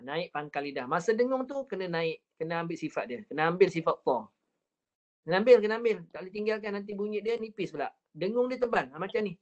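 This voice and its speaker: A man's voice: high-pitched, lo-fi sound. Patient Malaysian Quran teacher, man. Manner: patient, repeats drills, stretches words slowly when demonstrating. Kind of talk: online recitation class.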